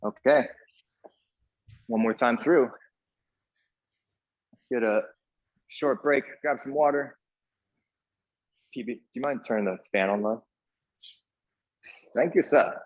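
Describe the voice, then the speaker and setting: Guy leading a workout class, slow pace, counts reps, short cues, echoey room, kinda muffled audio. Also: mid-range voice. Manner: short cues while exercising along. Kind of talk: live exercise instruction, counting reps.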